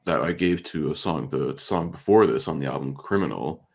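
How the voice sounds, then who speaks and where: A man with a low, creaky voice talks casually as a music show co-host. His intonation swings in a lively way. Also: normal speed. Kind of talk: casual chat.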